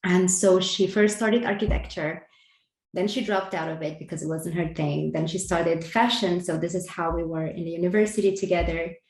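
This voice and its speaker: A woman's voice: fairly low pitch, fairly even intonation, moderate pace, darkish tone. Earnest woman talking in a roomy space. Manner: earnest, laughs between phrases, restarts. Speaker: podcast co-host. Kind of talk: casual spiritual conversation. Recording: roomy echo.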